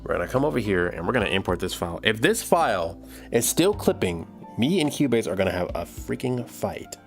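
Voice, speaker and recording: Brisk and gravelly, his fairly low voice swings widely in pitch as this man in his thirties rambles through casual livestream chat while making music. Soft music plays in the background as he thinks aloud.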